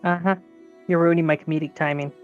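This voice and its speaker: A woman's voice: sits low, fairly even intonation, quick pace, darkish tone, dull audio, faint music behind. A woman bantering casually as a player in a tabletop game, with a dry, teasing manner.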